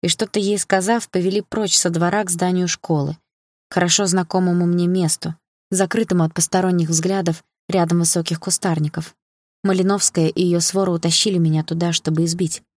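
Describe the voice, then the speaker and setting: A woman narrating an audiobook in the first person, calm and steady. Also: fairly low pitch, a little fast, dry recording, clean studio sound.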